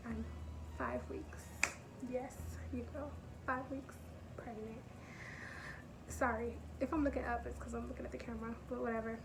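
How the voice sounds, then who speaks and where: A woman's voice: a little high, background noise. A woman in her twenties telling a personal story time for her channel, chatty and candid with rambling asides. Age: 20s. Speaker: vlogger.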